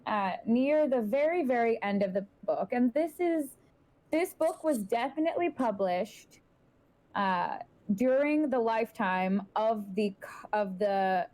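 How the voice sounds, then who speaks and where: A woman's voice: on the high side, a little mellow, rough recording. A woman running a tabletop horror game as game master, narrating and reading out found texts with frequent hesitations. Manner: hesitant, many ums and restarts.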